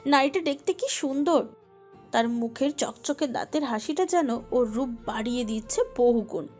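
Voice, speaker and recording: A woman narrating a romantic audio story with expressive, emotive delivery. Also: high-pitched, moderate pace, soft background music.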